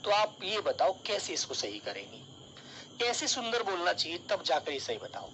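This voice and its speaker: A man's voice: high-pitched, very animated, normal speed, bright, forceful tone, a little hiss or hum, rough recording. A male teacher giving an online exam-prep lesson, calling his students child and dear and explaining with everyday examples.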